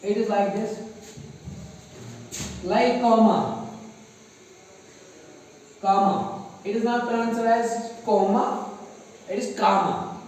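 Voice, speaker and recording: A man teaching grammar in a classroom, speaking slowly and repeating key terms. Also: very high voice, little pitch movement, a little mellow. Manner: slow, deliberate, repeats key terms, mixes in Hindi. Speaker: English teacher. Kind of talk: classroom lecture at a board. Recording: echoey classroom, distant mic, faint noise.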